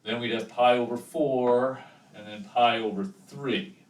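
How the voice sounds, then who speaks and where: A man explains math casually and step by step while working at a chalkboard, his medium-pitched voice steady and a little slow. You can hear the chalk scratching and clicking, and the recording sounds echoey, distant, and noisy.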